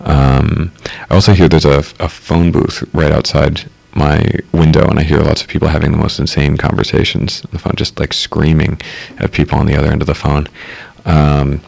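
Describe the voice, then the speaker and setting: A man with a very deep, gravelly voice talks casually on a radio show, wandering through his sentences with fillers and restarts. His delivery stays flat and level throughout. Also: moderate pace, hardly any pauses. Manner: rambling, hesitant, with many fillers and restarts. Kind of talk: casual conversation.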